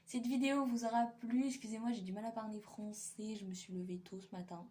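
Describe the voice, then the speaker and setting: A woman's voice: a little high, steady tone, fairly quick, mellow. A young woman chatting casually in a makeup vlog, tired and hesitant, with many fillers. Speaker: beauty vlogger.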